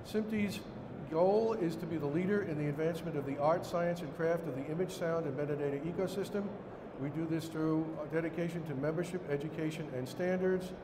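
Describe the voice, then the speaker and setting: A middle-aged man with a Brooklyn accent giving a formal slide presentation to a conference room, in a halting way. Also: on the high side. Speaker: conference speaker standing in for a director. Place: indoor conference room with seated audience. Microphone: podium microphone, later picked up by hand. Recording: echoey hall, noisy room ambience.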